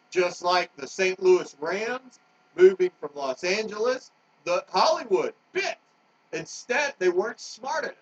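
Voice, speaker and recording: A middle-aged man in a rambling monologue, agitated, jumping from topic to topic and swinging between loud outbursts and low muttering. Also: slightly rough. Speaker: vlogger. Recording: dull lo-fi recording with faint noise.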